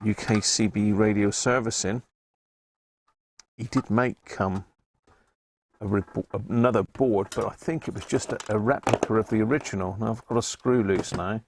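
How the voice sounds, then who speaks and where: Working at an electronics bench indoors, the host of a repair livestream gives casual running commentary and thinks out loud. His voice is fairly low, his speed normal, with slight background noise.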